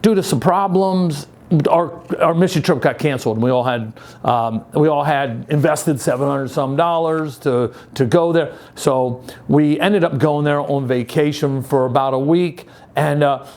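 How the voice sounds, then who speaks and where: A man's voice: a little high, darkish tone. Upbeat, folksy man in his sixties. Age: 60s. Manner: halting, repeats words and phrases for emphasis. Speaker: youth group leader. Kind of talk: casual motivational talk to youth.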